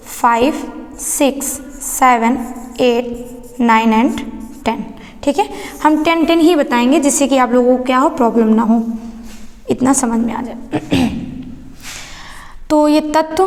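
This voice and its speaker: A woman teaching a basic science lesson, explaining step by step and answering her own questions as she goes. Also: sits high. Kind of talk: classroom lesson. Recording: echoey room reverb.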